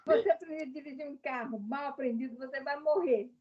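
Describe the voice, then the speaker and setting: A woman's voice: high voice, brisk, highs cut off, a little hiss or hum. A woman from Brazil, a guest in a casual interview, speaking directly and explaining her views with examples.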